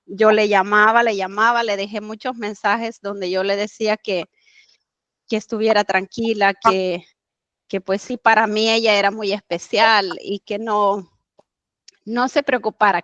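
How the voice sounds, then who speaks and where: A woman's voice: mid-range voice, a bit bright, no echo. Earnest woman telling a story, lo-fi. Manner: earnest, halting, with frequent fillers. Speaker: interview guest. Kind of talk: personal storytelling in conversation.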